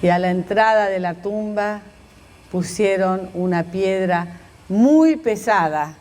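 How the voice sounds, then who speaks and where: A woman leads a storytelling meditation at an unhurried pace. Her voice sits at a middling pitch, and she pauses often between phrases. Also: darkish tone. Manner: slow, pausing storytelling with quoted dialogue.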